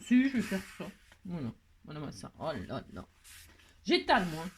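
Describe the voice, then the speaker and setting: A woman from France hosting a casual craft tutorial, talking in a playful, self-mocking way and tagging her sentences with a quick "hein". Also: fairly low pitch, huge pitch swings, a little hiss or hum. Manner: cooing baby talk to her pet. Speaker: crafting video host.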